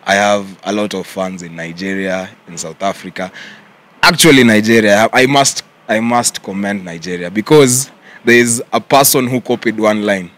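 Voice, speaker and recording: A young man with a Kenyan accent, answering interview questions in a relaxed way and mixing English with Swahili slang. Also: on the low side, moderate pace. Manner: relaxed, mixes English and Swahili slang, says "yeah" often. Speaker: content creator guest.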